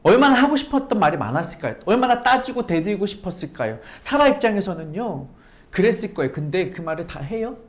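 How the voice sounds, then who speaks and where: A woman's voice: medium pitch, very animated, quick pace. A woman pastor preaching a sermon in a conversational way, full of rhetorical questions and emphatic repetition.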